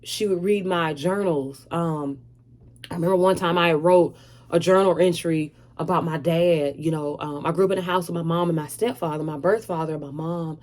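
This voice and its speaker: This is a woman in her thirties with a somewhat low-pitched voice, sharing a personal testimony in a vlog. She talks frankly and earnestly, often hesitating with fillers as she works through her memories. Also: steady tone, moderate pace, darkish tone. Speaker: vlogger sharing her story. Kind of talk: candid personal testimony to camera.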